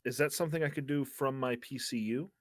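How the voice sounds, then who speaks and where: A man's voice: mid-range voice, fast talker, no echo, clean studio sound. Man thinking aloud in a tabletop game. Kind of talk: casual tabletop role-play chat.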